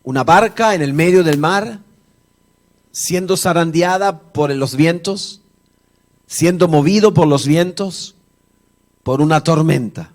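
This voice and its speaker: A man, a pastor, delivers a lively, storytelling sermon in a church. His voice sits a little higher than most men's. He acts out scenes and chats easily with the congregation. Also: takes it slowly, long pauses. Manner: animated storytelling, acting out Bible dialogue; conversational, jokes with the congregation. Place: church service before a congregation.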